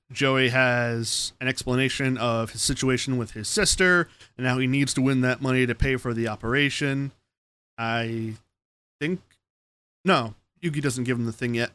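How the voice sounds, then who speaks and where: A man co-hosting a podcast, chatting casually with dry, deadpan jokes. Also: mid-range voice, smooth. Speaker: podcast co-host.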